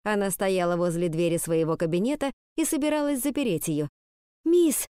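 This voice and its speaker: A woman narrating a story in the first person with a lively storytelling manner. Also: on the low side, fairly quick, smooth, no echo, clean studio sound. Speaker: audiobook narrator. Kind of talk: audiobook reading.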